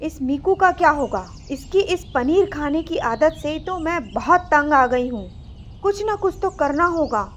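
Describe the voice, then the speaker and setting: A woman's voice: sits high, lively intonation, a little slow, slight background noise. A woman voicing a fussing mother rat in a storybook cartoon, talking in a fretful, scolding way. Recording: slightly muffled recording.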